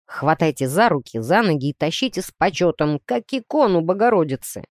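A woman reading a storybook voicing a calm, firm teenage boy who leads his team and gives stern orders. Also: deep voice, a little fast, dry recording, clean studio sound. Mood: commanding. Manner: stern, commanding.

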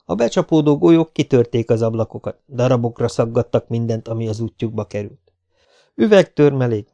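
A man's voice: mid-range voice, gravelly, dark tone. A man narrating an action novel as an audiobook, reading with dramatic tension. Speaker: audiobook reader.

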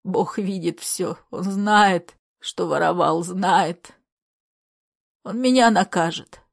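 A woman reading a story aloud, voicing a hoarse, guilt-ridden dying old grandfather who speaks in a despairing, pleading way. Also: fairly low pitch, slow, voice pushed down.

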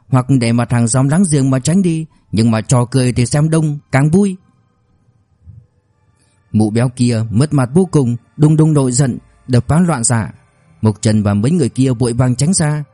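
Mellow male audiobook narrator. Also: mid-range voice, no room sound. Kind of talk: scripted novel narration.

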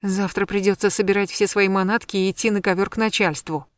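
A woman's voice: medium pitch, fairly even intonation, a little fast, no echo, natural voice. A woman voicing a young woman who is the heroine's friend, grumbling and then upset close to tears. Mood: distraught.

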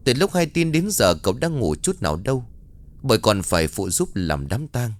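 A man narrating a ghost story in a dramatic, expressive storytelling manner. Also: mid-range voice, normal speed.

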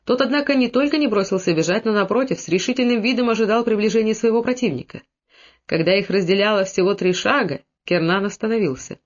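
A man reading a historical novel aloud in steady storytelling narration, dropping his voice lower for the characters' lines. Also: quick pace, dull audio. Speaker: audiobook narrator. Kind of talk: scripted narration.

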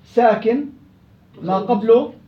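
A man's voice: extremely high pitch, slow pace, echoey room, highs cut off. A man with a Levantine Arabic accent teaching Quran recitation rules in an interactive class, questioning and prompting his students.

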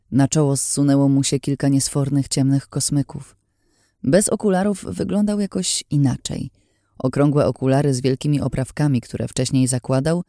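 A man narrating a novel aloud in a steady first-person storytelling manner. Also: medium pitch, no echo, clean studio sound. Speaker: audiobook narrator. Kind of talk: scripted audiobook narration.

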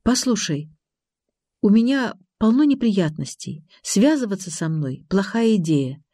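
A reader voicing a reserved young man, a wounded loner who answers in short, soft-spoken phrases, in an audiobook. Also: medium pitch, big pitch swings, unhurried, no room sound, studio quality. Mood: quiet. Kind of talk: audiobook character reading.

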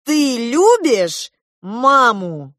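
A woman's voice: on the high side, big pitch swings, a bit bright, no room sound, clean studio sound, voice pushed up, heavily acted. A woman reading an audiobook, voicing an earnest eleven-year-old girl who asks questions insistently. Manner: insistent, presses questions slowly.

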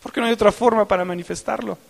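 A man's voice: high voice, rapid-fire, gravelly, long reverb tail. A male preacher giving a dramatic sermon, acting out tearful and joyful prayer. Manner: animated, dramatic, acts out crying and joyful prayer.

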